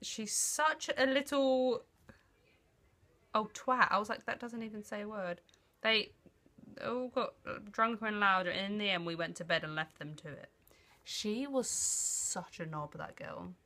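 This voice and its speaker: Young British female vlogger, bright forceful voice, mid pitch. Casual diary read-aloud, animated, giggly, acts out quotes. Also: normal speed. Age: young adult. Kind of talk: casual reading aloud from old journals with chatty asides.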